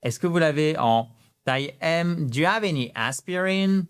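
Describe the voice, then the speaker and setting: A man with a French accent teaching English phrases in an animated online lesson, gesturing and stretching out example sentences with rising intonation. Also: a little high, normal speed, clear, resonant tone.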